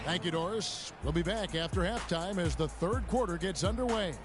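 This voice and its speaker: A man doing crisp video game play-by-play. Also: high-pitched, natural voice. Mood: calling plays. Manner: crisp, measured announcer delivery. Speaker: play-by-play announcer. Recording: game audio with loud music.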